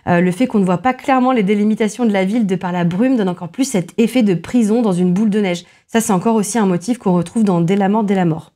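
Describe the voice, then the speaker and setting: A woman in a film podcast, analysing a horror movie in casual chat, with frequent filler pauses and restarts. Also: medium pitch, mellow. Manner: many filler pauses, restarts, self-deprecating asides.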